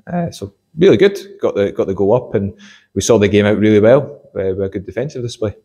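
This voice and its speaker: In a stadium corridor beside a sports changing room, a young assistant football manager gives a measured post-match interview with plenty of fillers. His voice is on the low side, animated, dark and slightly rough.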